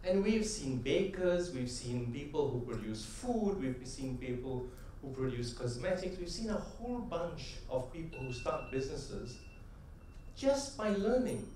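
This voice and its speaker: A middle-aged man speaks in a warm, fairly high, sing-song voice at a measured pace, giving a conversational conference talk full of anecdotes. "Right?" punctuates his points, which build to rhythmic, emphatic punchlines. He's heard through a distant mic in an echoey large convention hall, with a little hiss or hum.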